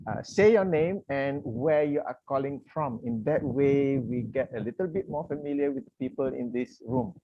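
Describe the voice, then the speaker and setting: A man's voice: fairly high pitch, no echo. Polite male coach on a muffled video call. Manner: frequent "uh" fillers and restarts, courteous. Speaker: coach hosting an online session. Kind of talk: welcoming, explanatory talk with fillers. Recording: dull lo-fi video call audio.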